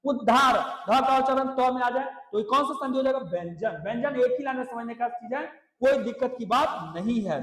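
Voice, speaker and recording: High-pitched guy coaching grammar, keeps asking then answering his own questions, echoey room. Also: expressive, brisk, fairly bright tone. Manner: asks rhetorical questions and answers them himself, repetitive drilling. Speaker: Hindi grammar teacher. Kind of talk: exam coaching lesson.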